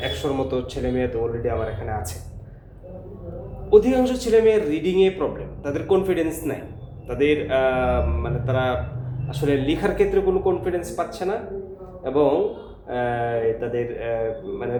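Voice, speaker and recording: A man's voice: a little high, a little mellow, a little hiss or hum. Hesitant man teaching in an echoey room. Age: adult with a school-age child. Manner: hesitant, many filler sounds, earnest. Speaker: English teacher. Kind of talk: informal talk to parents. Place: classroom. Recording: echoey room, faint ambience.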